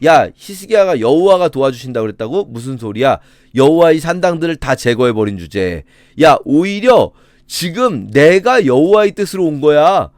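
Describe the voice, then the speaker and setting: A man's voice: a little high, sing-song, normal speed, darkish tone, dry recording, studio quality. A man voicing an arrogant enemy general who mocks and taunts in a raised, sneering voice during a sermon. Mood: taunting. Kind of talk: sermon with acted quotes.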